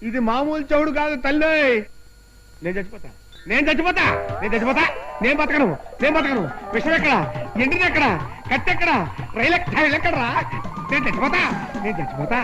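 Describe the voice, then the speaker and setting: An actor playing a panicky priest in a film comedy, wailing and lamenting dramatically. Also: male voice, very high-pitched, animated, quick pace, pauses often, over music. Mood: exasperated.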